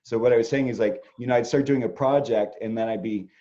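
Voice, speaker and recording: Through a muffled recording, this middle-aged astrologer speaks quickly in a medium-pitched, dark, steady voice. As co-host he chats casually, wandering off on tangents full of fillers.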